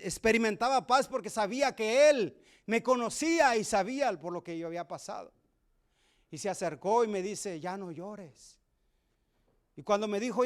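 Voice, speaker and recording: A man preaching a sermon testimony, moving between hushed and loud, emotional delivery. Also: high-pitched.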